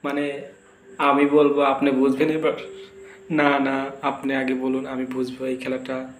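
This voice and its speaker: A man playing a cheeky father in a comic sketch, twisting everything said to him with deadpan wordplay. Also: mid-range voice, measured pace, a little hiss or hum. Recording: echoey room with faint ambience.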